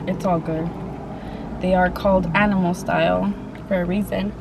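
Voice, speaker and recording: A woman chatting casually and haltingly to viewers in slangy, informal speech while eating, sometimes with her mouth full. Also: on the low side, fairly even intonation. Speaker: mukbang vlogger. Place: open-top Jeep outdoors. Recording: clear car and outdoor ambient noise.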